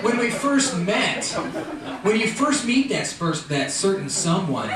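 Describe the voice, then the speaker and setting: High-voiced stand-up comic in echoey room. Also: male voice. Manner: animated, acts out characters in quick voices. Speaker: stand-up comedian. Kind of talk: stand-up routine. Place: live comedy venue. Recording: echoey distant live room mic with noise. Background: audience laughter.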